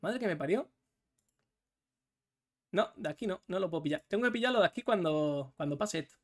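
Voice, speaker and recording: A gaming streamer commentates his own match live, excitable and swearing as he swings from low mutters to shouts. His delivery is brisk.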